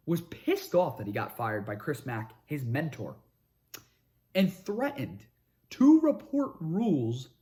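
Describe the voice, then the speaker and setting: A young man talks sports on his own show, his pitch a touch high and his delivery very animated. He moves between calm play-by-play recaps and loud, excited outbursts of hype. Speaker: sports podcast host. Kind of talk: energetic sports commentary monologue.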